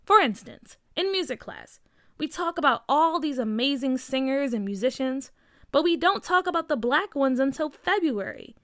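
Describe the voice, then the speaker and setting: A woman's voice: sits high, expressive, moderate pace, a bit bright, dry recording, clean studio sound. A woman voicing an earnest, outspoken young schoolgirl who asks insistent questions in a storybook reading.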